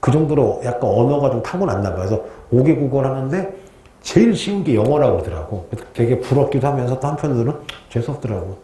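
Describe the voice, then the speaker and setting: A man's voice: medium pitch, animated, fast talker, mellow. A male history teacher giving a casual classroom lecture, chatty and joking, with funny asides before he gets into the lesson. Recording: roomy echo.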